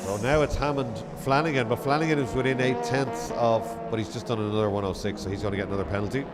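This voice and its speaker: A man's voice: medium pitch, quick pace. A man giving live motorsport commentary, tracking race positions with hesitant, self-correcting asides. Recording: loud car engine and trackside noise. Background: racing cars and outdoor track noise.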